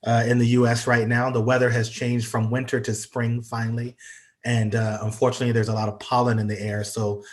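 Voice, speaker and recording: Over a video call, an American guest speaker presents online in a mid-range, flat, brisk voice. Allergies have left him congested, and he talks hesitantly, with frequent ums and uhs.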